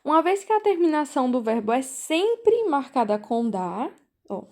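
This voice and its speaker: A woman teaching a language class over a video call, explaining slowly and patiently, repeating key points and checking in with the students. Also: sits high, very animated, warm tone. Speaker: volunteer teacher.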